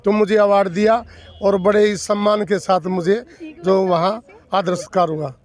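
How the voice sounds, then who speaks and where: His voice sits high and his delivery is flat, at a normal speed: a man in his sixties from North Delhi's villages in India, fielding interview questions as an election candidate. He is earnest and emphatic, repeating and listing points.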